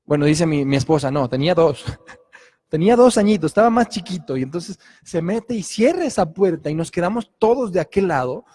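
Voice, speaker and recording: A man's voice: on the high side, expressive, a little fast, mellow, big-room sound. A middle-aged man preaching a sermon, telling a personal story earnestly and checking in with listeners often.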